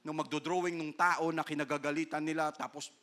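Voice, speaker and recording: A man pastor preaching a sermon. He mixes Filipino and English, keeps asking "no?", and reads scripture slowly in old King James wording. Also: flat delivery. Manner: rises to loud, high emphatic bursts.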